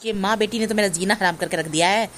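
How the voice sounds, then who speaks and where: A woman's voice: mid-range voice, fast, a bit bright, a little hiss or hum, close to an everyday voice. A woman playing a put-upon young daughter-in-law who mutters complaints in a family comedy skit. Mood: grumbling.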